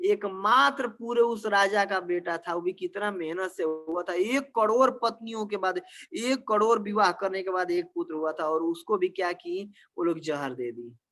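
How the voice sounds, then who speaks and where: High-voiced man telling a devotional story. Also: moderate pace, fairly bright tone. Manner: conversational, filler phrases. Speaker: spiritual storyteller.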